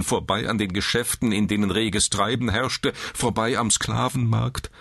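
A man narrating an audiobook in a calm, measured storytelling manner. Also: sits low, slightly rough, dry recording, studio quality. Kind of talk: scripted narration.

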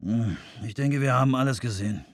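A man voicing a brusque, hurried middle-aged man. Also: medium pitch, no echo, studio quality, natural voice. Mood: curt. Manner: curt and hurried.

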